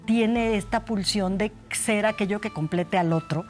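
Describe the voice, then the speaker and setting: A woman's voice: medium pitch, unhurried, soft background music. A woman speaking as an expert guest in a studio conversation, thinking aloud and restarting sentences. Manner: thoughtful, restarts mid-sentence.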